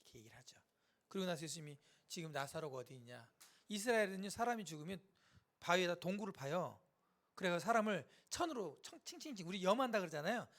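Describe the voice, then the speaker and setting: A man teaching a Bible lecture in a lively sermon style, acting out scenes in changing voices and speaking directly to his listeners. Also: high voice. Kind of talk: animated sermon lecture with acted-out dialogue.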